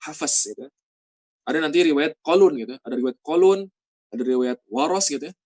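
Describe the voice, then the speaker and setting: A man teaching Quran reading in a casual lesson, explaining patiently and drawing out example recitations slowly. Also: a little high, animated, a little mellow.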